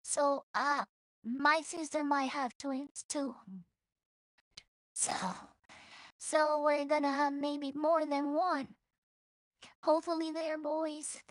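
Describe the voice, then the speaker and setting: A woman's voice: high voice, little pitch movement, takes it slowly, long pauses, no room sound, studio quality. A woman from El Salvador, rambling bluntly and profanely in a casual vlog monologue, often restarting her sentences. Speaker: streamer.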